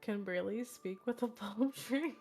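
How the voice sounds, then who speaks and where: A woman's voice: medium pitch, measured pace, darkish tone, soft background music. A woman playing a tabletop game, asking playful questions and laughing easily. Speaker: player.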